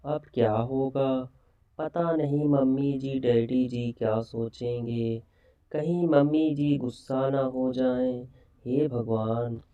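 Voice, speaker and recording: Man reading as nervous young bride in a storybook, slow delivery, slightly distant mic. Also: mid-range voice, steady tone, narrow, tinny audio, close to an everyday voice. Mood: anxious. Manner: worried, fretful. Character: anxious young new bride, fearful.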